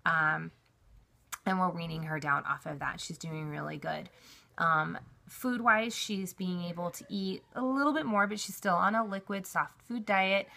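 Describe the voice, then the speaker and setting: A middle-aged woman talks casually, as in a personal vlog update. Her voice sits fairly low, with plenty of vocal fry and a bright, forward edge. She explains things in a rambling, conversational way. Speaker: vlogger, parent giving a recovery update.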